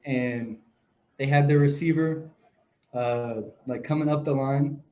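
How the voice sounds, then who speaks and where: A young man tells football stories on a casual podcast, loose and rambling, full of filler words. His voice sits at a middling pitch. The audio sounds dull and lo-fi. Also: slow. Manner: relaxed, rambling storyteller with many "like" fillers. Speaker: podcast co-host, grandson. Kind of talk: casual sports chat.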